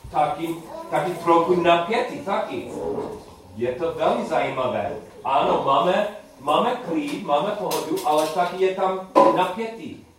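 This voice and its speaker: A man teaching a Bible study class leads an interactive lesson, putting questions to the group haltingly in simple, repeated phrases. His voice is slightly high with lively intonation. The room is very echoey, the mic distant, and there's faint noise.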